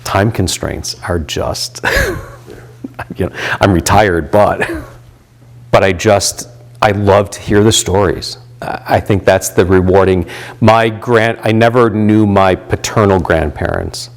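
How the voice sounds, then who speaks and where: Low-voiced man in his fifties, rambling gently. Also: very animated, slow. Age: 50s. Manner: rambling, many fillers and restarts. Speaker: volunteer chaplain and pastor. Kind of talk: reflective interview talk.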